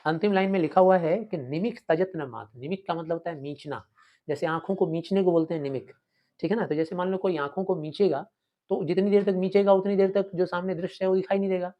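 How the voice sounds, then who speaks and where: Male teacher, fairly high voice, explains poetry line by line, slow recitation, dull lo-fi sound. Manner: explains line by line, checks with "ठीक है ना"; recites verses slowly.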